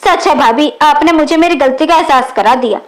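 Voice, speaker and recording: A woman reading the lines of a kind young brother in a storybook reading, in a calm way, without lowering her voice. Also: moderate pace, close to an everyday voice.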